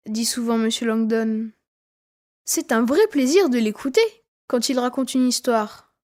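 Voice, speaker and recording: A woman's voice: fairly high pitch, measured pace, a little mellow. A woman reading a children's story aloud for language learners, telling it expressively in the voice of a twelve-year-old boy. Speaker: reader.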